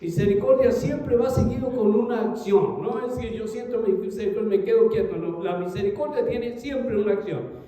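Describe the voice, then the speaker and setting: A man preaching a sermon to his congregation, reading scripture aloud and swinging between raised calls and low, trailing phrases. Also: normal speed, warm tone, recorded from a distance. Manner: addresses congregation as brothers, reads scripture aloud. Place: large echoey hall. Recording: very echoey hall, long reverb.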